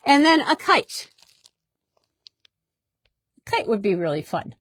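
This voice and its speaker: A woman's voice: on the high side, big pitch swings, slow pace, a bit bright, dry recording, clean studio sound. A woman hosting a casual product demonstration in a fabric shop, chatty and upbeat, often repeating herself.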